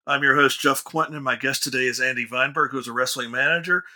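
A man hosts a podcast interview. His voice is mid-pitched with a very bright, forceful edge. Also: steady tone, fast. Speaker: podcast host.

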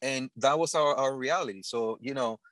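A middle-aged man from the Dominican Republic, a panel guest speaking earnestly and haltingly in casual conversation. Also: mid-range voice, a bit bright, dry recording. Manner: earnest, halting, with frequent restarts.

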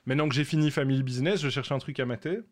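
A man's voice: mid-range voice, fairly even intonation, rapid-fire, over a noisy crowd. A man co-hosting a podcast in a casual, jokey, rambling way. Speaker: podcast co-host.

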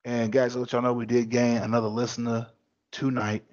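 A man's voice: medium pitch, little pitch movement, brisk, darkish tone, dull audio. A man co-hosting a casual podcast, talking bluntly and swearing freely in laid-back banter. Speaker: podcast co-host. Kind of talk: casual chat.

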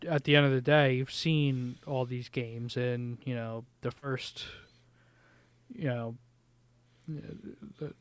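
A man's voice: medium pitch, little pitch movement, takes it slowly, clear, resonant tone, dry recording. A young man co-hosting a sports podcast, speaking casually and emphatically, often repeating words as he thinks. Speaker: podcast co-host.

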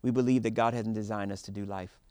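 A man's voice: lowish voice, fairly even intonation, fast talker, dark tone, smooth, dry recording. A man speaking as a pastor, addressing his church in an earnest, informal and encouraging way. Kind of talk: church address, prayer and announcements.

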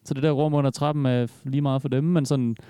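A man's voice: mid-range voice, level tone, warm tone, clear, resonant tone, no echo, studio quality. A man who is a parent, chatting casually on a podcast in a loose way with mild swearing. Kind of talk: casual chat.

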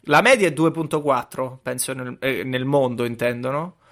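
A man's voice: mid-range voice, normal speed, fairly bright tone. A man co-hosting a podcast in casual comedic chat, with an irreverent manner. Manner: irreverent, acts out imagined quotes. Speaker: podcast co-host.

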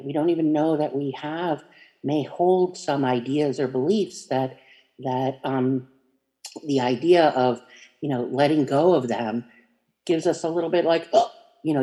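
Gentle, meandering spiritual speaker. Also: mid-range voice. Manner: meandering, hesitant, many fillers and restarts; gentle and inviting. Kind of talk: reflective spiritual talk.

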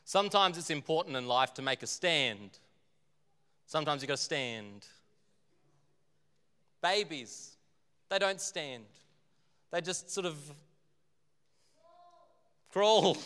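A man's voice: a little high, animated, slow, long pauses, pushed and bright, clean tone. A male pastor giving a humorous sermon, telling jokey, self-deprecating stories. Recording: long hall reverb, faint music.

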